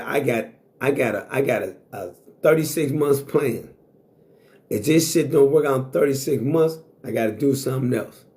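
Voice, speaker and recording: In a slightly mellow, mid-range voice, a male vlogger in his sixties delivers a monologue to camera that is boastful and blunt. Swearing comes easily, and he says the same things more than once.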